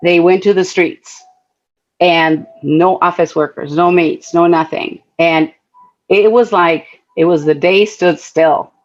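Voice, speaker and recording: A middle-aged Guatemalan woman with a lowish, darkish voice shares personal stories as a panelist at a talk event. She speaks slowly with fairly even intonation, earnest, heartfelt and conversational, using frequent fillers. The recording is muffled.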